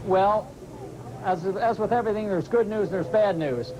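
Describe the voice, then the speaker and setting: High-voiced male forecaster, noisy background. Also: normal speed. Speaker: hurricane forecaster. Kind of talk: interview answers, explanatory forecasting.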